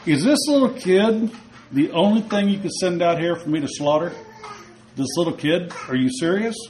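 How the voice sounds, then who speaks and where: A boastful giant soldier sneers and mocks his foe, as a preacher puts him on. The voice sits a little high and lands each insult with scorn. It is a storytelling voice in a sermon. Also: lively intonation, moderate pace, darkish tone, a little hiss or hum, low-quality recording. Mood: scornful. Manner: taunting, scornful. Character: boastful giant warrior man, mocking and brutal.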